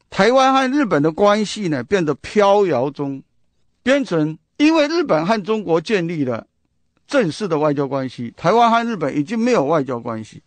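A man's voice: on the high side, dry recording. A man with a Taiwanese Mandarin accent, hosting a radio book talk, chatty and full of rhetorical questions and storytelling. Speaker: radio host.

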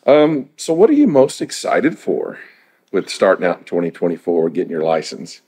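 A man's voice: deep voice, huge pitch swings, normal speed, mellow. A middle-aged man talking earnestly and a bit rambling in a casual interview, as a real estate team leader.

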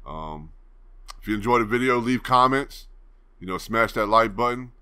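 A man's voice: lowish voice, animated, moderate pace, bright, forceful tone, clean tone. A young man from Virginia, hosting his channel, telling a story in a laid-back, rambling way and swearing freely. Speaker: channel host. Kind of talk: casual storytelling to camera.

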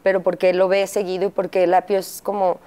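Mellow-voiced Mexican woman recounting, halting. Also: on the low side, level tone, clear, resonant tone. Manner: halting, frequent fillers, acts out quotes. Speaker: interview guest, mother. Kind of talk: candid interview testimony.

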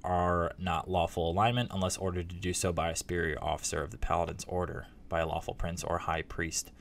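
A young man casually teaching tabletop game rules, reading passages aloud with frequent fillers and quick asides. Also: sits low, level tone, vocal fry, slight background noise. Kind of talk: casual tutorial explaining rules.

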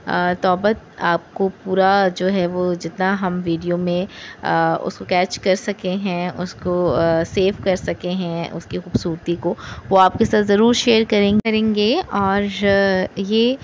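Relaxed woman narrating a travel vlog. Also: mid-range voice, slow pace, dull audio, a little hiss or hum. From Pakistan. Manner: relaxed and chatty, with frequent hesitation fillers. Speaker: travel vlogger. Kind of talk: casual travel vlog voice-over.

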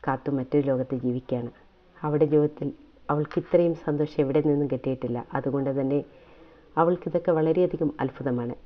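A storyteller reads an episode of a serialized romance aloud and closes it with a promise of more tomorrow. The delivery turns slow and measured on the reflective passages. The recording sounds thin, like a phone line. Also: medium pitch.

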